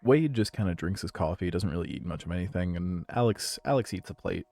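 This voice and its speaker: A man hosting a casual podcast stream, telling a rambling story with jokes and hushed asides. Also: sits low, animated, brisk, gravelly. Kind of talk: casual chat with live chat.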